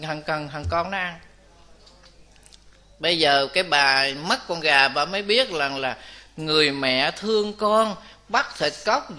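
A man giving a Buddhist dharma talk, telling a village story and speaking directly to his listeners. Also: a little high. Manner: lively storytelling, acts out characters' voices, addresses the audience directly. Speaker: Buddhist preacher.

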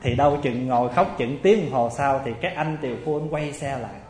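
A man's voice: mid-range voice, a little fast, darkish tone, roomy sound. A male Buddhist monk gives a dharma talk, telling a story with animation and acting out the characters' voices. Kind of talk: storytelling sermon.

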